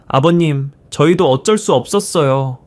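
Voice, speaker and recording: A man's voice: a little high, moderate pace, no echo, natural voice. A man voicing a tearful daughter-in-law who pleads and begs forgiveness. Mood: pleading. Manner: pleading, sobbing.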